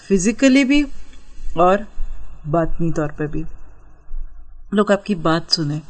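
A woman teacher giving an instructional talk on parenting and religious outreach, explaining gently and asking her listeners rhetorical questions. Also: on the low side.

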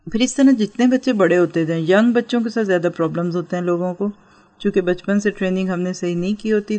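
A woman teacher giving an instructional talk on parenting and religious outreach, explaining gently and asking her listeners rhetorical questions. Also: medium pitch.

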